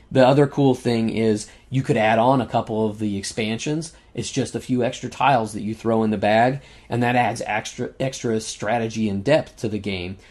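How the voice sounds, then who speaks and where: A man in relaxed podcast chat, rattling off game facts between "um"s and easy laughs. His voice is a little worn, as if he is losing it. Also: lowish voice. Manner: enthusiastic, laughs often, lists game facts with fillers. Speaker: podcast co-host reviewing board games. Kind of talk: casual chat.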